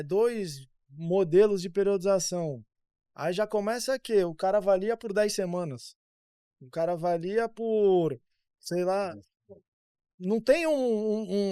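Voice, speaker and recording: A man tells animated anecdotes in a relaxed podcast conversation, slipping into quoted lines. His voice is high and smooth, recorded close with a dry sound. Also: no echo. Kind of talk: casual podcast chat.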